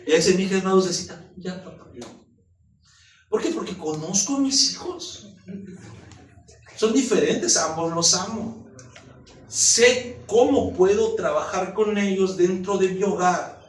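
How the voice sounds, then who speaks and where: A middle-aged man, a pastor, preaching a sermon in a lively, joking way full of rhetorical questions. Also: high-pitched, unhurried, slight background noise. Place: church hall. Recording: echoey room, mic at a distance.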